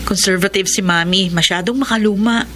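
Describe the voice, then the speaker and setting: An actress playing a defiant, unrepentant grown daughter in a Filipino radio drama, with a Filipino accent. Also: female voice, medium pitch, brisk, background noise, natural voice. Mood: assured. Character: defiant adult daughter Nitz, unrepentant adulterous wife.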